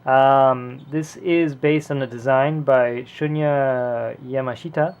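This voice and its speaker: A toy reviewer with a mid-range, clear, resonant voice talks slowly through a casual hands-on review of a figure. He's relaxed and rambling, with lots of fillers, and the lo-fi audio comes from a small camera at home.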